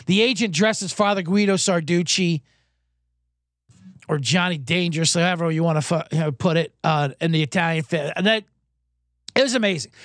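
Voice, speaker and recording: A man's voice: sits high, a bit bright, dry recording, clean studio sound. A man hosting a sports betting show in a rambling, joking, profane way. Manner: rambling, riffing and joking, breaks into mock accents. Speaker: sports betting podcast host. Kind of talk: casual, profane betting chat.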